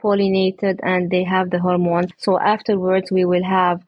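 A woman's voice: on the low side, level tone, normal speed, no echo, dull audio. A woman, interviewed about growing date palms, explaining earnestly and step by step with frequent hesitations. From Palestine. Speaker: interviewee, date palm grower. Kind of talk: explanatory conversation.

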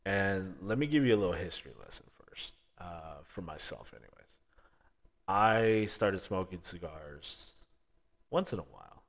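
A man's voice: sits low, big pitch swings, moderate pace. A young man hosting a podcast, telling a story casually with many fillers and chuckles. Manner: laid-back, chuckling, filler-heavy. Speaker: podcast host.

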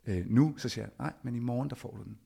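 A middle-aged man, a podcast host, telling a personal story in an animated way and acting out the dialogue himself. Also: mid-range voice, vocal fry, slightly rough. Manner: animated, acts out quoted dialogue.

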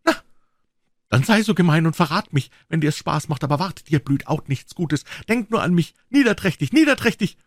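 A man's voice: lively intonation, fairly quick, no echo, clean studio sound. A man voicing a young, hot-tempered schoolgirl who scolds shrilly through sobs. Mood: furious. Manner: shrill, sobbing reproach.

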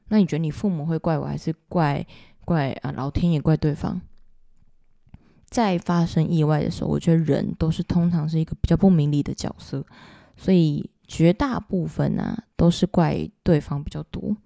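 A woman's voice: deep voice, vocal fry, dark tone, no room sound, clean studio sound. A woman podcast host with a Taiwanese Mandarin accent, telling a personal story in an emotional, confiding way. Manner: emotional, confiding, keeps asking "you know?".

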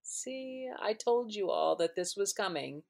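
A woman's voice: medium pitch, lively intonation, measured pace, creaky, darkish tone. A woman from Minnesota hosting a casual podcast, chatty and rambling, laughing easily. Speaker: podcast host. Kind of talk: casual chat.

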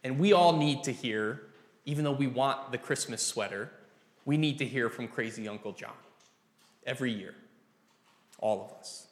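A man preaching a sermon in a church sanctuary, opening with a prayer and speaking in a deliberate, folksy manner. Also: medium pitch. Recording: roomy reverberant church sound.

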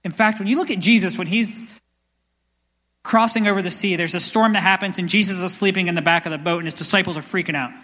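A young man preaching a sermon as pastor, energetic and building to loud passionate peaks, in a church sanctuary. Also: high voice, quick pace. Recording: long church hall reverb.

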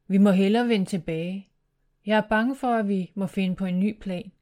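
A woman's voice: mid-range voice, steady tone, a little mellow, natural voice. A woman reading the part of a worried, frustrated male dragon-monster leader in a storybook tale. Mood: resolute. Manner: anxious, frustrated.

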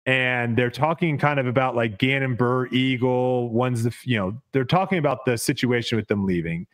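A man's voice: mid-range voice, moderate pace. A man hosting a podcast, reading a sponsor ad and then chatting loosely, repeating words as he goes. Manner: rambling, repeats words, laughs easily. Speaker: podcast host. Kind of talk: casual podcast chat with ad read.

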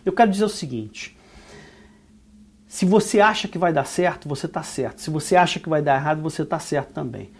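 A man's voice: a little high, lively intonation, fairly quick, creaky, slightly rough. A Brazilian man with a Brazilian Portuguese accent, co-hosting a casual podcast and talking earnestly and encouragingly, with many restarts and fillers. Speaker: podcast co-host, business owner.

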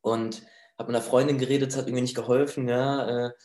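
A man telling a personal story in a casual, chatty way, laughing often and filling pauses with little filler sounds. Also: medium pitch, level tone, darkish tone. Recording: roomy echo.

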